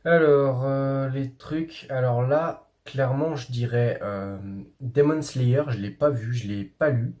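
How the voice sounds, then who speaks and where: A man's voice: medium pitch, takes it slowly, hardly any pauses, a little mellow. A man giving casual, chatty commentary while guessing a quiz, with many fillers and playful self-praise. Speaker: YouTuber playing a manga quiz.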